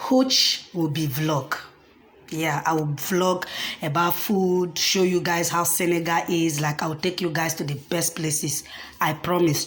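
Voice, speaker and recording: Slow, chatty woman vlogger. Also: lowish voice. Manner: affectionate, chatty, repeats herself, talks about herself in the third person. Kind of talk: casual talk to camera.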